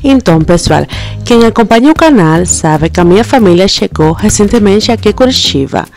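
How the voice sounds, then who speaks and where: A woman's voice: medium pitch, expressive, fairly quick, a little mellow, soft background music. A young Cuban woman with a Cuban accent, chatting to her viewers and saying "pessoal" again and again. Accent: Cuban Spanish. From Cuba. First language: Spanish. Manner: chatty, repeats "pessoal" often. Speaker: vlogger. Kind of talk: casual vlog talk to camera. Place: supermarket and street, indoors and outdoors.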